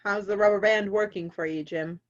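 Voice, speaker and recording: A woman reading the part of a calm male therapist who speaks in a patient, reassuring way. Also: medium pitch, a little fast, natural voice. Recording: dull lo-fi audio.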